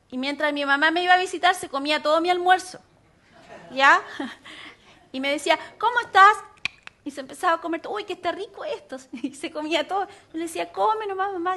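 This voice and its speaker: A woman pastor, preaching a sermon and telling a personal story in an animated way, acting out other people's voices. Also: high-pitched.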